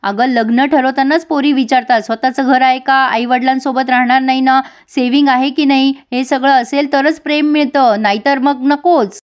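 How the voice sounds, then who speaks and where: A woman's voice: high voice, steady tone, normal speed, hardly any pauses, clear, resonant tone, lightly acted. A woman voicing a bitter, cynical older brother who lectures with disdain.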